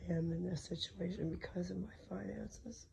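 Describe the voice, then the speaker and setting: A woman talking personally to listeners, losing her voice from laryngitis with a cough, hoarse and breathy, often slipping into a whisper, halting as she goes. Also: fairly low pitch, steady tone, a little mellow.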